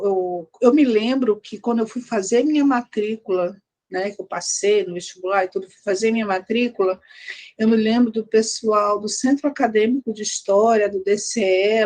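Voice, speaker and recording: A middle-aged Brazilian woman with a higher, slightly mellow voice shares personal memories in conversation. Born in Rio and raised in Belém, Pará, she is a guest academic who researches history and anthropology. She speaks haltingly, repeats words and often adds tag questions.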